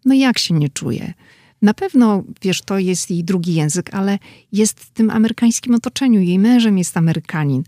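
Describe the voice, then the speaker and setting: A woman reporter talking casually and with animation about an event she attended, quick to push back in discussion. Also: mid-range voice, animated, mellow, no echo, clean studio sound. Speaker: correspondent.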